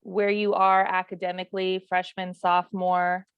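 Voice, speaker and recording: Woman coach, 30s, from New Mexico, chatty and informal, smooth voice on a dull, dry lo-fi call line. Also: fairly low pitch, normal speed, no room sound. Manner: relaxed and chatty, with many fillers. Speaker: volleyball coach leading a class. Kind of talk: casual class introduction on a video call. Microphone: video call mic.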